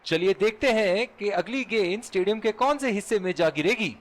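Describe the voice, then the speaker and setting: A man giving excited cricket commentary, exclaiming over the action. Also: high-pitched, a little fast. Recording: noisy, crowd roaring behind. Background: stadium crowd ambience.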